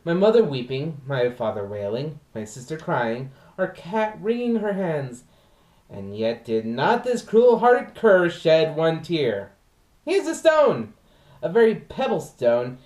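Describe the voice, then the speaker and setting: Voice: sing-song, measured pace, darkish tone. A vlogger acting out a comic male servant who laments his unfeeling dog in a Shakespeare monologue, with swooping, theatrical emphasis, recorded in a roomy space away from the mic. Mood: aggrieved. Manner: theatrical, swooping emphasis with sudden high outbursts. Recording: roomy echo, from mic distance.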